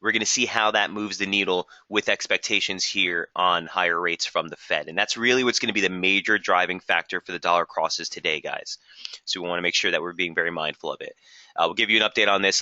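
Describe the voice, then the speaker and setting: Hoarse man with a bright, forceful voice. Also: sits low, dry recording, dull audio. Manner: brisk, technical, addresses viewers as guys. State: losing his voice, clearing his throat. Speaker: market strategist hosting a webinar. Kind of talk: live trading webinar walkthrough.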